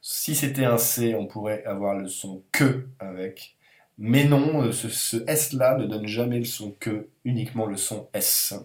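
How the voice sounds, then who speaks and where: Male language teacher, lower pitch, calm and reassuring, spelling out each letter. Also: a little slow, roomy sound. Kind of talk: video lesson on the Russian alphabet.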